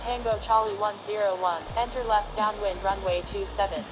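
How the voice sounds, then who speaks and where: A woman's voice: medium pitch, brisk, poor audio. A computer voice of a woman giving clipped air traffic control calls over a cockpit radio in a flight simulator, with music behind. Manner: clipped, even radio phraseology. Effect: cockpit radio transmission in a flight simulator.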